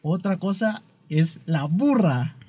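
Playful Guatemalan man, dark tone. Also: sits high, expressive, slow pace, breathy edge. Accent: Guatemalan Spanish. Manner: playful, laughs often. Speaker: podcast co-host. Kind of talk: casual podcast chat.

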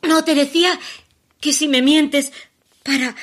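An actress performing a stage monologue as a desperate woman pleading with her departing lover by phone, halting and emotional, shifting between hushed pleas and urgent outbursts. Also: sits high, fairly even intonation. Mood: anxious. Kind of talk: theatrical monologue.

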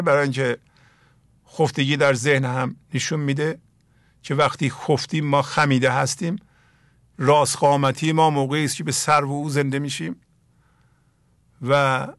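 A middle-aged man with an Iranian Persian accent, slowly reciting mystical poetry and explaining it in a plain sermon. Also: on the high side, a bit bright, no room sound, studio quality. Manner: slow, emphatic recitation of verses then plain explanation. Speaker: spiritual teacher.

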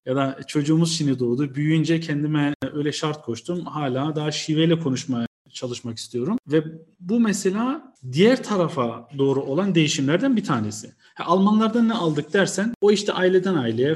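A young man speaking as a guest on an interview podcast. His voice sits a little high for a man, and he talks in an earnest, measured way with an easy laugh now and then. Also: darkish tone. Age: young adult. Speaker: guest, entrepreneur. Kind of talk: conversational interview.

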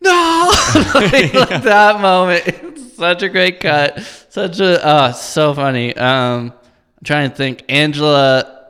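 A man's voice: on the high side, steady tone, slow pace, fairly bright tone, clean tone, long reverb tail. A man chatting casually about a sitcom, laughing often and acting out quotes.

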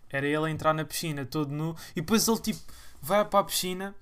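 A man's voice: a little high, fast talker, fairly bright tone, clean tone. A young man with a European Portuguese accent talks straight to his viewers in a loose vlog monologue. He rambles from one point to the next, full of slang and teasing mockery. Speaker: vlogger.

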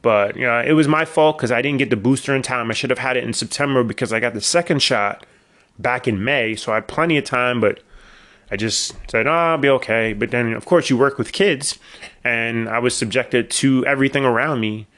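In a brisk, fairly bright mid-range voice, a middle-aged man delivers a casual monologue on his own podcast. He tells long, wandering stories with dry asides, and illness has left his voice a bit worn.

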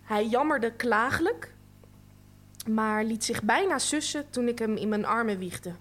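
Woman reader, unhurried and fairly high-voiced, expressive literary reading.

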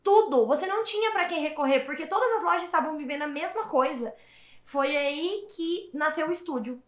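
A woman, telling her story as an interview guest in an animated, emphatic way and repeating words for stress. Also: sits high, a little fast. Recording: roomy echo.

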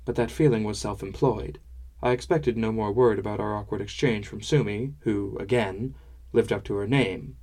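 A man reads a fantasy novel aloud in the first person. He keeps a measured, descriptive storytelling pace in a fairly low voice. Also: warm tone. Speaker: audiobook narrator. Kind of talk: scripted first-person narration.

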